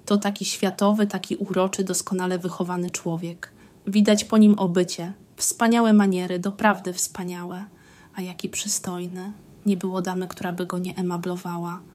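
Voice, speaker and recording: A woman's voice: lowish voice, flat delivery, normal speed, a little mellow, natural voice. A woman voicing an effusive aristocratic countess and wife who talks in an emphatic, gushing way.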